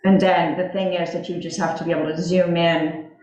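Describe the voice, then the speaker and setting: A woman's voice: fairly low pitch, flat delivery, a little fast, a little mellow, soft background music. A woman in a town meeting, explaining step by step with many fillers. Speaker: commission member. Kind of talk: casual meeting discussion. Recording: echoey meeting room.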